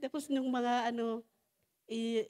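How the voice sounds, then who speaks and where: A middle-aged woman giving a church testimony and sermon, switching between English and Tagalog, often asking "Amen?" and pausing on fillers. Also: fairly high pitch, little pitch movement, darkish tone. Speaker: church speaker.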